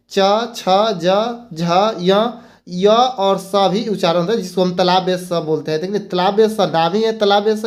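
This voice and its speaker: A teacher gives an exam-prep grammar lesson, repeating points and mixing in English words. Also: mid-range voice. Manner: asks rhetorical questions and answers them.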